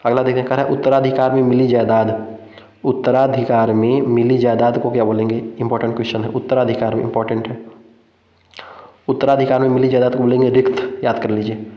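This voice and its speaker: A man's voice: mid-range voice, little pitch movement, fast. Repetitive man teaching in an echoey room. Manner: repeats each term several times, quizzing the listener. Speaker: Hindi exam-prep teacher. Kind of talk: online exam-prep lesson. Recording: echoey, dull lo-fi room sound.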